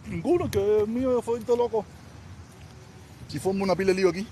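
A man from Havana with a Cuban accent, ranting heatedly and confrontationally on a live stream, often shouting. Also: high voice, brisk, a little hiss or hum. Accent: Cuban Spanish (Havana). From Havana, Cuba. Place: outdoors in a casino parking lot.

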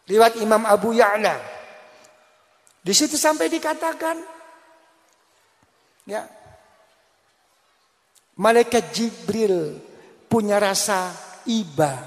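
A male preacher with a Javanese accent delivers a sermon in an unusually high voice, slow and emphatic, repeating key words and asking the congregation questions. His voice rings with the long reverb of a large hall. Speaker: Islamic preacher.

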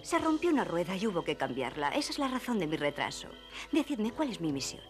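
An actress voicing a composed, scheming female cat spy in a dubbed cartoon, asking crisp questions. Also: fairly low pitch, very animated, a little fast, music in the background.

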